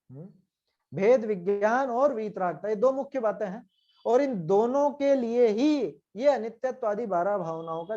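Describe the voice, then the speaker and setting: A man's voice: sits high, warm tone, dull audio. A man teaching a scripture class, explaining each point step by step and often stopping to ask his listeners whether they follow. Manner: questioning, checks in with listeners often.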